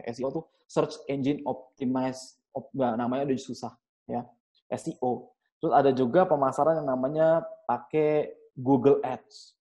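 A man's voice: mid-range voice, mellow. A young man giving a casual motivational seminar talk to a live audience, joking and asking the room questions. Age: young adult. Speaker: seminar speaker.

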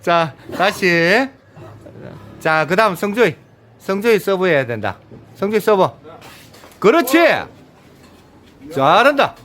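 High, lively man cheering players on. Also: slow, long pauses, slight background noise. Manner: encouraging, repeating short instructions, frequent laughter and exclamations. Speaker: activity instructor. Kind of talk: live coaching and cheering during a video game.

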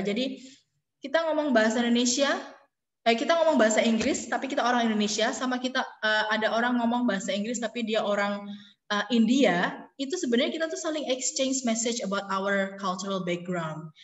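A woman lecturer giving a classroom lecture, mixing in English phrases and pausing on fillers as she explains. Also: on the high side. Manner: explains in Indonesian mixed with English, many fillers. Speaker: university lecturer. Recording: echoey classroom with long reverb.

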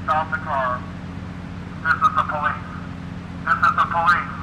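Game patrol cop barking orders through a bullhorn, monotone, high-ish, heavy street noise. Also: male voice, measured pace. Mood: commanding. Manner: loud, flat, commanding repeated orders. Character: male police officer shouting through a bullhorn. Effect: bullhorn loudspeaker. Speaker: police officer. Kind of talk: video game voice lines.

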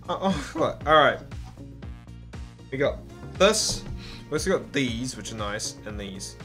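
A man giving excitable gameplay commentary as a hyped gamer bro, exclaiming in slang. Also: medium pitch. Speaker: gaming video host. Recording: music behind the voice. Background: music.

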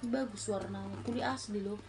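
A woman's voice: medium pitch, moderate pace, noisy background. A middle-aged woman doing casual, repetitive live-selling patter, calling out items and prices. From Indonesia. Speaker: online seller of secondhand bags. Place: small room indoors.

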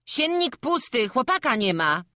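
A woman voicing a sleepy young lad who yells loudly. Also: on the high side, unhurried, dry recording, studio quality, pitched above the performer's own voice. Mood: yelping. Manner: loud, yelping.

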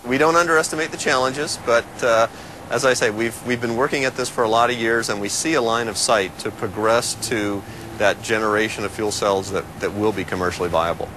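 A man in his forties, a company director, speaking in a measured corporate way in an outdoor interview. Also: medium pitch, background noise. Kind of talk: on-camera interview. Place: outdoors by a brick building.

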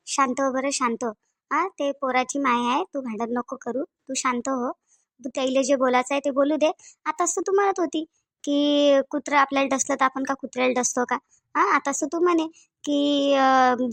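A woman voicing a calm village woman in a cartoon, with a Varhadi Marathi accent, softly placating a friend. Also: high-pitched, normal speed, vocal fry, dry recording. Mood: soothing. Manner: soft, placating.

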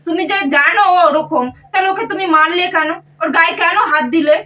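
Woman playing a coaxing, high-voiced young aunt. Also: steady tone, brisk. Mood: scolding. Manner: coaxing, scolding, repetitive urging. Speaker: aunt in a family skit. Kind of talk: homemade comedy skit acting. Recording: loud background noise.

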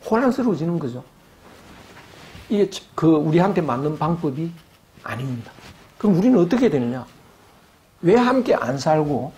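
A man's voice: a little high, darkish tone. An older man giving an academic lecture, asking rhetorical questions and acting out quoted voices.

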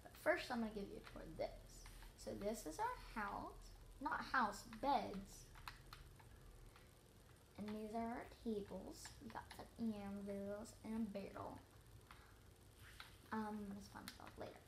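A woman's voice: medium pitch, slow pace, pauses often, roomy sound, a little hiss or hum. A teenage girl casually showing off a house she built in a game, rambling with lots of fillers. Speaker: gamer giving a house tour. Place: living room in front of a TV.

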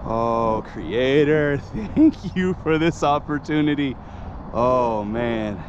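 A man in a casual, excited chat with his spouse while landing a fish on a lakeshore. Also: mid-range voice, takes it slowly, dull audio, noisy background. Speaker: angler filming a catch with his spouse. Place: outdoors on a lakeshore.

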